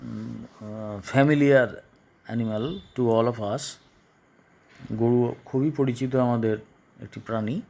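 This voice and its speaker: Male teacher, slow and halting. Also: mid-range voice, a little mellow. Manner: slow, halting, repeats and translates each phrase. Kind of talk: class lesson explaining English in Bengali.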